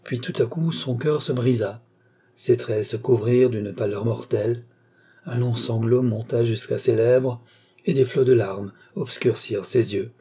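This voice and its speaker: A man narrating a classic novel in a measured, literary way. His voice is dark and mellow, with a husky grain to it. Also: mid-range voice, fairly even intonation. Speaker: audiobook narrator. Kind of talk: novel reading.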